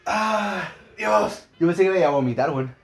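Hombre chileno gimiendo por el picante. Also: male voice, sits high, expressive, moderate pace, creaky. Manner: crude slang, groaning and gasping in pain. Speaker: podcast co-host. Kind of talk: casual chat during spicy food challenge. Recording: echoey room.

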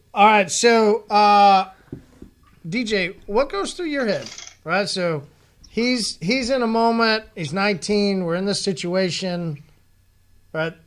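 High-voiced unhurried man in his forties. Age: 40s. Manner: laughs often, loose and rambling questions. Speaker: podcast host. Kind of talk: casual interview chat.

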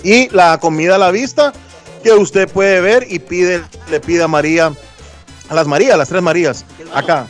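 A man's voice: sits high, moderate pace, faint music behind. A man co-hosting a live radio broadcast on location, enthusiastically describing the place. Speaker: on-site radio co-host.

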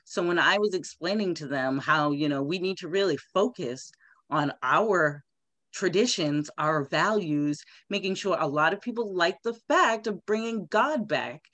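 With a fairly low pitch and no echo, a woman running for Congress talks as a guest in a conversational interview. Her delivery is animated and emphatic, coming out in quick bursts.

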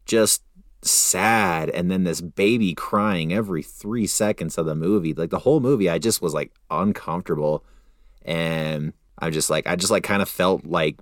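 A man's voice: sits low, normal speed, dry recording, clean studio sound. A young man co-hosting a podcast, joking around and rambling with hesitant fillers. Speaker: podcast co-host. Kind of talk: casual chat.

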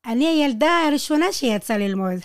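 Animated woman with Hebrew. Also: sits high, clean tone, no echo, clean studio sound. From Negev, Israel. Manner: animated, acts out quoted dialogue, non-native Hebrew grammar slips. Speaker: interviewee, Bedouin tour guide. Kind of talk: personal storytelling in conversation.

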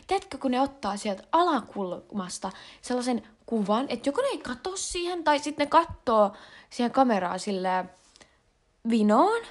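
A young adult woman vlogging in a casual confessional chat, rambling with lots of fillers and slang. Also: high voice. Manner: rambling and slangy, with frequent fillers and English words mixed in.

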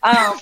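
A woman's voice: a bit bright, rough recording. A woman in her twenties, chatting playfully and defensively as a podcast co-host among male friends. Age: 20s. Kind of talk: casual group chat.

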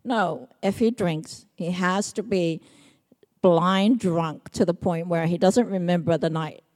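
A middle-aged woman from Samoa giving a personal testimony sermon, telling stories in a lively way and acting out quoted speech. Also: fairly low pitch, slow pace. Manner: lively storytelling, acts out quotes, laughs often. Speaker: preacher.

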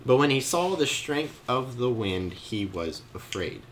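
A man's voice: mid-range voice, a little slow, noisy background. A young man leading a casual Bible lesson, telling the story with jokes and laughs. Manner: joking, animated storytelling with laughs. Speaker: youth Bible study leader. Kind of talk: casual teaching.

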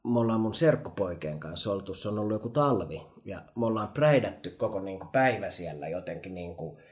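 This lively podcast co-host has a deep voice and an echoey room around him. Chatting casually, he tells stories with plenty of energy, laughs a lot, and leans on many fillers.

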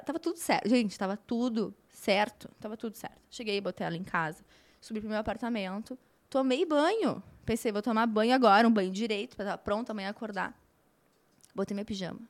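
Chatty woman telling a story, laughing. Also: fairly high pitch. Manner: lively, laughing, repeats words for effect. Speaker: flight attendant guest. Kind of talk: casual storytelling.

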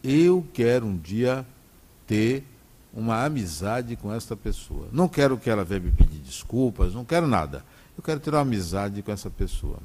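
Lively Brazilian man giving a spiritual talk. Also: on the low side, moderate pace. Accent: Brazilian Portuguese. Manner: conversational, often asks "né?" to the audience. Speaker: spiritist speaker. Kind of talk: inspirational talk with personal stories.

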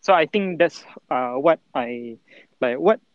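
A young man with a Singaporean accent talks casually in Singlish, circling through fillers as he explains himself. His voice sits a little high. The sound is close and dry but somewhat dull and lo-fi. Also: lively intonation, no room sound. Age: 20s. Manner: colloquial Singlish with particles like lah, lor and mah; halting, rambling, heavy on filler words. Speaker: interview guest, breakdancer. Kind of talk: casual conversational interview answers in Singlish.

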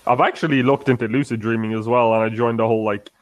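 A man's voice: medium pitch, fairly even intonation, quick pace, dry recording. A man hosting a casual podcast chat, rambling and restarting his sentences as he tells a story. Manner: rambling, self-interrupting storyteller. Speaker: podcast host.

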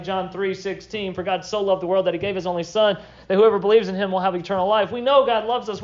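A young man delivers a sermon as a pastor, earnest and emphatic. He leans on short repeated phrases to drive each point home. The recording sounds slightly dull. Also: sits high.

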